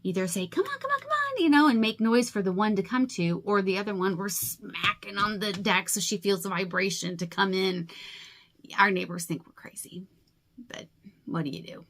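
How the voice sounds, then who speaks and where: A woman's voice: medium pitch, expressive, normal speed, a bit bright. A woman in her forties talking casually to camera about her family and pets, chatty and rambling with a self-deprecating humor. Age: 40s. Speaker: crafting vlogger.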